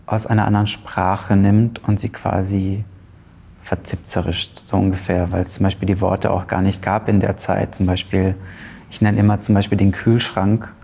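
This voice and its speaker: A Romanian playwright in his thirties with a Zipser German dialect accent answers interview questions hesitantly, pausing often with fillers. His voice is on the low side, gravelly and mellow, recorded on a lapel mic in a large ornate hall.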